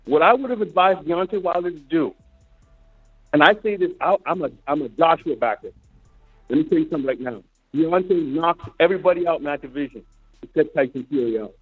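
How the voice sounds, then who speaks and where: A man's voice: a little high, fairly quick, husky. Man on a muffled phone line. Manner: blunt and insistent, repeating his point. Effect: heard over a phone line. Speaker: radio show caller. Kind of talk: call-in sports talk. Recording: muffled tinny phone line with faint music.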